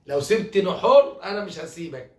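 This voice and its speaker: A man's voice: high-pitched, very animated, fairly quick. A man with an Egyptian accent voicing a sly, lying male servant in a told folk tale, in a mischievous, matter-of-fact way. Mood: cheeky. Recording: roomy, from a distance.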